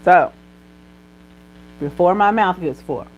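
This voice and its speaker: A woman's voice: lowish voice, takes it slowly, slight background noise, poor audio. A woman chatting casually on a live stream, addressing her viewers and speaking blessings over them.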